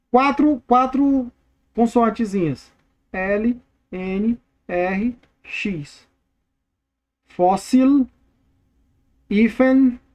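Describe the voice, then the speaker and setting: A Brazilian man teaching an exam review lesson, energetic and playful, drilling words by repeating them. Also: sits high, muffled recording. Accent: Brazilian Portuguese.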